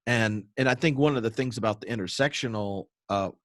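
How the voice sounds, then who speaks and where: A man with a fairly low voice hosts a live online show, asking halting questions full of uhs and ums. The sound is dry and close. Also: a bit bright, dry recording. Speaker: podcast host. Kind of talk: live video-call interview.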